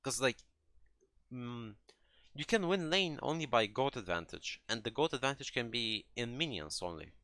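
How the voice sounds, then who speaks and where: A gaming coach explains a game replay to a player in a mid-range, expressive voice that is pushed and bright, at normal speed with no room sound. He speaks conversationally with hesitant restarts, frequently checking understanding with "right?"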